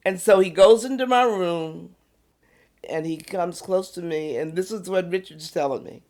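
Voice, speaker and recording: An older woman being interviewed, calmly recounting a personal story and acting out the quoted voices of others. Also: on the low side, moderate pace. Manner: animated retelling, voices quoted speech, soft at tense moments. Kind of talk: conversational storytelling.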